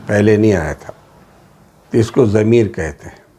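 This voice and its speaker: An Arabic teacher with a Hyderabadi Urdu accent leads a classroom lesson in a steady drill, repeating each word and its meaning. He mixes in English words. His voice is lowish and husky.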